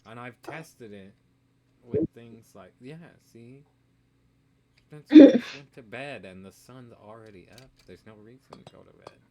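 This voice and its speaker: Male streamer, gravelly and low, relaxed gameplay chatter over loud noise. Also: measured pace. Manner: easygoing, wondering aloud while exploring. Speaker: streamer playing Minecraft. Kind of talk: casual gameplay chat. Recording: loud background noise with clicks.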